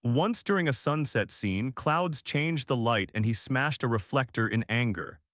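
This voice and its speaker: A man reading a scripted documentary narration in a measured, dramatic storytelling manner. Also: medium pitch, expressive, fairly bright tone, no echo, clean studio sound.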